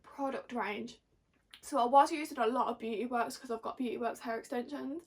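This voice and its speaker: A young woman chats to camera in a fairly high voice. She sounds tipsy and giggly, rambling along in casual slang and poking fun at herself. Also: fast talker. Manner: rambling, slangy, self-mocking. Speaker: vlogger.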